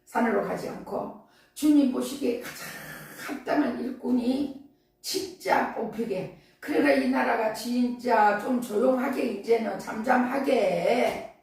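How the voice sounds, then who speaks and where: A woman's voice: fairly high pitch, unhurried, a little mellow. A middle-aged woman pastor preaching a revival sermon, emphatic and repetitive, often crying out hallelujah. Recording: echoey hall, voice from far off.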